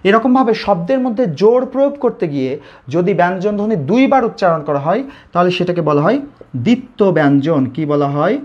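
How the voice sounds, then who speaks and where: A man's voice: high-pitched, expressive, a little fast, a little mellow. A male teacher with a Bangladeshi Bengali accent, giving a live online grammar lesson, who asks questions and then answers them himself. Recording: slightly dull lo-fi audio.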